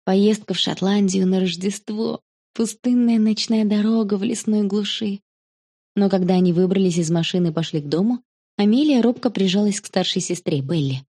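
Woman, audiobook narrator, children's story, calm, even, mellow warm tone. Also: mid-range voice, normal speed.

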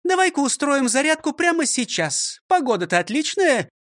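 A storybook reader voices a strict, bossy elderly schoolteacher in an audiobook, using a high, lively voice that jumps up and down. Stern and at a moderate pace, she scolds, barks commands and counts out exercises as she drills her old pupil mercilessly, every word clipped and dry. The recording is close and dry, with no echo.

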